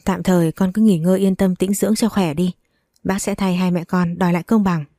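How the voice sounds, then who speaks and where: An older mother-in-law who speaks slowly and soothingly, with a sharp edge, played by a woman narrator. The tone is low and mellow. The sound is dry and close, in a storybook audio reading. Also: steady tone, dry recording, natural voice. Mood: gentle. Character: older mother-in-law, doting yet harsh.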